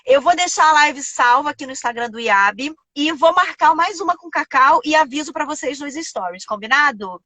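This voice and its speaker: A woman's voice: high-pitched, expressive, normal speed, few pauses, pushed and bright, dry recording. A Brazilian woman hosting a live video chat, talking enthusiastically and affirming her guest. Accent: Brazilian Portuguese. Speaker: live stream host. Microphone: video call.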